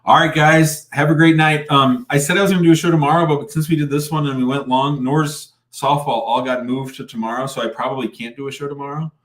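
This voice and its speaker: A man's voice: mid-range voice, steady tone, quick pace, few pauses. A man hosting a live call-in show in a casual, informal and blunt way, often restarting his sentences. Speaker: live show host and lawyer. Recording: roomy, echoing sound.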